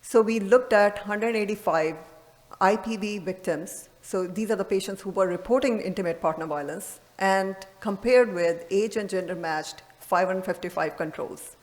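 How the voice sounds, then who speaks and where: The speaker is a woman presenting as a radiologist at a medical conference lecture, earnest and emphatic in tone. She talks at a moderate pace with a mid-range voice, and the hall around her is reverberant.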